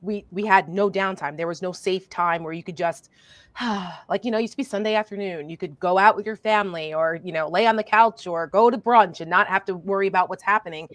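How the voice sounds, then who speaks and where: A woman co-hosting a casual political chat, chatty and quick to chime in. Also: fairly low pitch, dry recording. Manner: chatty, backchannels often. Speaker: podcast co-host.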